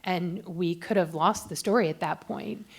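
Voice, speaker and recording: Woman, reporter, panel talk, lowish voice, chatty, lots of fillers. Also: moderate pace. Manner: chatty storyteller with many fillers.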